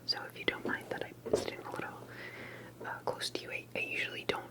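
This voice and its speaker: A woman plays a wary, secretive investigator interviewing an alien abductee, all in whispered ASMR. She keeps her voice hushed and secretive, hesitating with gentle pauses.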